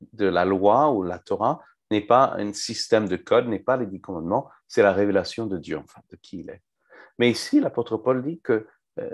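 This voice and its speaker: A man teaching a live online Bible study, explaining a passage and asking his viewers questions. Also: lowish voice.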